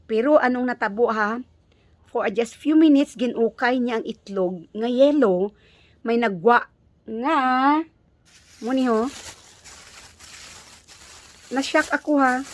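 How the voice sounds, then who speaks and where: A woman with a Filipino accent chatting casually to her viewers as a vlogger, often halting and repeating words as she searches for the next one. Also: mid-range voice, no echo. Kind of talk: casual vlog chat to viewers.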